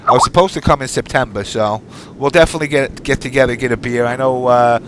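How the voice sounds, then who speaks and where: A man's voice: medium pitch, fast talker, a bit bright, a little hiss or hum. A man hosting a live online talk show in an informal, rambling way. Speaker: show host.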